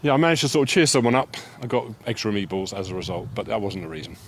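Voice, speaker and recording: Chatty guy rattling off stories on a walk, lowish voice, bit of street noise behind. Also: lively intonation, racing. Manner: chatty storyteller, upbeat. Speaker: podcast co-host. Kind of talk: casual walking conversation. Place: outdoors on a walk.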